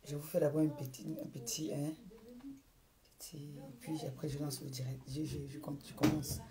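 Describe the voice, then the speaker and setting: A woman's voice: deep voice, flat delivery, moderate pace. A woman chatting casually on a live stream, repeating greetings and asking viewers again and again to share. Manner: repetitive, greets viewers over and over; keeps urging viewers to share. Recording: crowd noise in the background.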